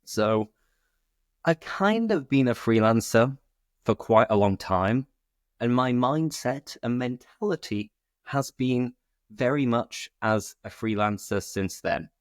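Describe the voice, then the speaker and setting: A British man hosting a conversational solo podcast, explaining things informally in clear phrases like a teacher. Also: mid-range voice, expressive, takes it slowly, no room sound, clean studio sound. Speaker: podcast host and English teacher.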